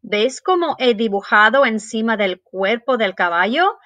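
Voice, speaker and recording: A woman teaching a bilingual music lesson to young children, switching between English and Spanish and speaking slowly and clearly. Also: fairly high pitch, expressive, a bit bright, dry recording. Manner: sings and chants rhythm words.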